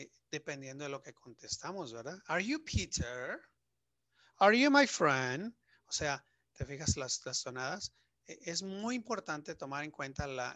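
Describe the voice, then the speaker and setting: A man teaching English to Spanish speakers in a video lesson, lively and asking the viewer questions. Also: medium pitch, no room sound. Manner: lively, stretches words and asks the viewer questions.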